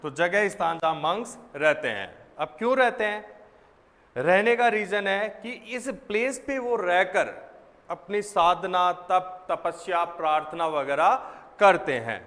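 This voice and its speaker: A man teaches word meanings for exams in a fairly high voice. He repeats key words and asks questions, then answers them himself. His voice carries a long reverb, as if in a hall. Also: unhurried, a bit bright. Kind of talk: exam vocabulary lesson.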